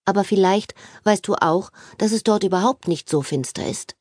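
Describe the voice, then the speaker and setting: A woman narrating a children's audiobook in a lively, expressive storytelling manner. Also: mid-range voice, normal speed, dry recording, clean studio sound.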